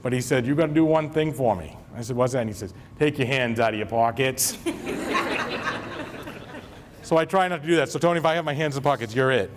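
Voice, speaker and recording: A medium-pitched male voice moves briskly, with slight noise in the background. It belongs to a Maine school superintendent giving his staff a casual, joke-filled convocation speech, teasing himself and the live audience packed into a large hall.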